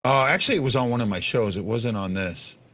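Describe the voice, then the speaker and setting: Quick-paced and expressive, a man in his fifties hosts a hockey fan show, chatting casually on a livestream as he answers viewers' comments. He's blunt and repeats himself, and his medium-pitched voice is fairly bright.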